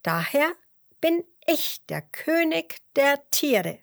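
A woman's voice: high-pitched, big pitch swings, slow, vocal fry, no echo, studio quality, voice pushed up, exaggerated voice. A woman voicing a vain, cheeky male fox who brags about his cleverness in a children's story. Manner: cheeky, smug.

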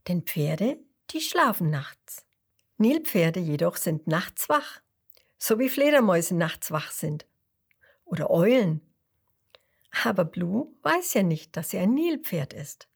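A woman narrating a children's bedtime story gently and expressively, dropping into whispers and asking the listener questions. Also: on the low side, very animated, slow, vocal fry, breathy edge.

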